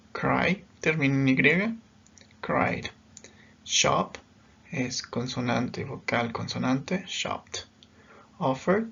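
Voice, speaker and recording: A man's voice: mid-range voice, vocal fry, a bit bright, breathy edge. Patient teacher man, lo-fi sound. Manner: patient, explains step by step, often checks with "¿sí?". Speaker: English teacher. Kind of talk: recorded grammar lesson.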